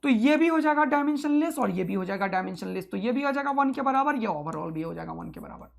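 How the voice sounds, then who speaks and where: A male physics teacher giving an exam-prep lecture, energetic and rousing, repeating key points to his students. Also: extremely high pitch, fast talker, gravelly.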